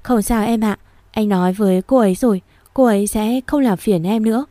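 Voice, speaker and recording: A man's voice: high voice, brisk, warm tone, no room sound, natural voice. A woman reading a story, voicing a young husband who soothes and pleads with his wife. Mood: pleading. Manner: coaxing, apologetic.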